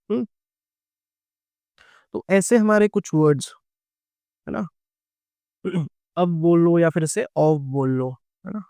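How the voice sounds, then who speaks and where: A middle-aged man with an Indian English accent, teaching English grammar to exam students. His voice is smooth and resonant, a little higher than most men's, and recorded close and dry. He explains patiently and asks the class questions that he answers himself. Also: no echo. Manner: explains patiently, checks in with "है ना" and "ठीक है" and calls students "बेटा". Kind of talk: exam-prep grammar lecture.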